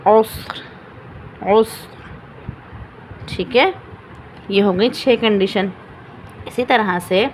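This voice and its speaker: A woman teaching Quran recitation rules step by step, patiently repeating each example slowly and asking questions she then answers. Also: on the high side, slight background noise, rough recording. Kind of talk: step-by-step Quran reading lesson.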